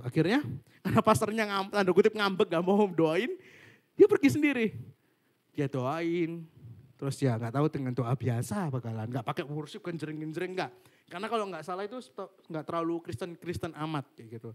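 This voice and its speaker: A young man shares a story with his prayer group over a video call, his voice fairly high for a man. His pitch leaps around as he laughs and acts out what others said. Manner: animated storytelling, laughs often, acts out quotes. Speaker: cell group speaker.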